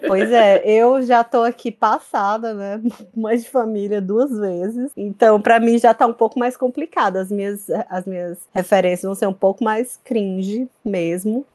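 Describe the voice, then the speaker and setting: A woman's voice: mid-range voice, fairly even intonation, moderate pace, a little mellow. A woman with a Brazilian Portuguese accent, chatting informally as a podcast co-host. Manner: informal, slangy. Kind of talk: casual chat.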